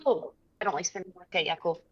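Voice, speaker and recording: Low-voiced woman on a dull choppy call. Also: quick pace, breathy edge, dry recording. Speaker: tabletop game player. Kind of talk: casual game chat. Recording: dull online call cutting out.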